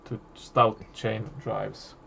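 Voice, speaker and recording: Gravelly male game master, hesitant, filler-heavy delivery. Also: lowish voice, flat delivery, pushed and bright, slight background noise. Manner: halting, many fillers and restarts. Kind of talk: narrating a tabletop horror game.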